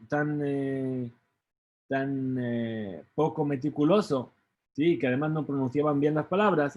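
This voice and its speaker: Slow, husky man teaching a Talmud lesson. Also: medium pitch, darkish tone. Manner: checks in with "¿sí?" and hesitant fillers. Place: study hall. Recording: dull lo-fi recording.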